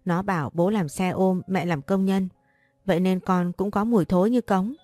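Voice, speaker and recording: A woman's voice: medium pitch, moderate pace, mellow, no room sound, soft background music, lightly acted. Woman reading as a tearful young schoolgirl. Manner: plaintive, defiant. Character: tearful, stubborn schoolgirl of ten to twelve.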